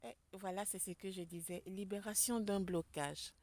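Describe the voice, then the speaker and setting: A woman giving a spiritual tarot reading to her viewers, speaking softly and quietly in a public place. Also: mid-range voice, fairly even intonation, moderate pace, dry recording. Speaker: tarot card reader. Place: public place outdoors with people nearby.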